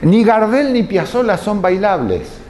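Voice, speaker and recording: A man lecturing at an unhurried, measured pace. His fairly high voice rises and falls widely as he explains, stopping to pose rhetorical questions before answering them himself. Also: sing-song, darkish tone, slight background noise. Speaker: tango lecturer.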